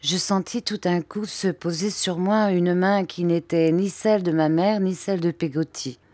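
A woman reads a classic novel aloud in steady, expressive scripted narration. Her voice sits fairly low and even. The recording is dry and close, with no room sound. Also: moderate pace, no room sound. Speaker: audiobook reader.

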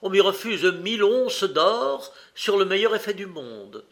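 A man voicing a hot-tempered Egyptian merchant who speaks in a loud, indignant voice. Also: on the high side, animated, a little slow. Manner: indignant, raised voice.

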